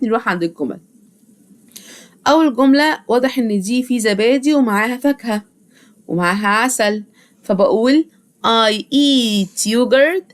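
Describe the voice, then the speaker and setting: A young woman with an Egyptian Arabic accent teaching children English vocabulary, repeating each word patiently so they can echo it. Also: medium pitch. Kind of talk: vocabulary lesson with drilled repetition.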